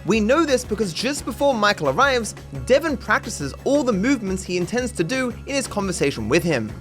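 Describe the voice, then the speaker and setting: Over music, a high-voiced man reads a comedic script about a video game, sounding dry, sarcastic, and mock-serious. His delivery is brisk and a bit bright, with big swings in pitch, as he narrates over gameplay footage.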